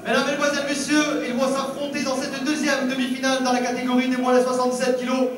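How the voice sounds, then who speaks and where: A man working as a ring announcer, giving showy, booming fight introductions with drawn-out, shouted names, like a fighting game announcer. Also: completely flat delivery, over music. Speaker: ring announcer at a kickboxing event. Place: indoor fight venue over PA system. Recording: very echoey arena PA, distant.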